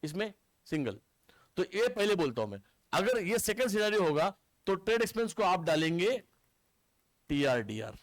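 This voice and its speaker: A man's voice: on the high side, no room sound. A man teaching accounts to a class, quizzing his students and mixing terms into his speech. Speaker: commerce teacher. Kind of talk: classroom lecture.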